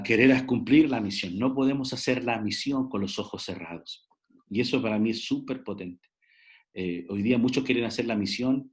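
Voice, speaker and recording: Emphatic, lower-voiced male theology teacher. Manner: emphatic, addresses listeners directly with frequent "eh" restarts. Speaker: theology professor. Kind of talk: preaching-style lecture.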